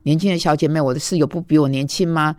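A woman's voice: low voice, fairly even intonation, fast talker, darkish tone, no echo, studio quality. A woman in her sixties, a seminary teacher, gives an earnest, confessional devotional talk, dropping her voice to quote others. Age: 60s. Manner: earnest and emotional, drops her voice for quoted speech.

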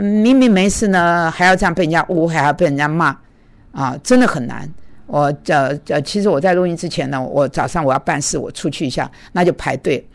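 A woman telling a personal story in a casual devotional talk, animated and chatty, with many fillers. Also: sits low, vocal fry.

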